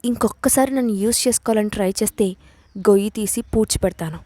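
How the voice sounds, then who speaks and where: A woman voicing a sharp-tongued young college woman who speaks curtly and scornfully in an audio story. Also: mid-range voice, fast, no echo, lightly acted. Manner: curt and scornful.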